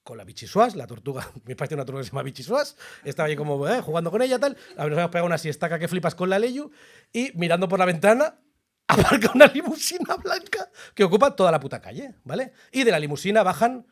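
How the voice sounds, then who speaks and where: A man, co-hosting a podcast and telling a personal story in a chatty, animated way. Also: sits high, quick pace. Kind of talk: casual chat, then scripted narration over music.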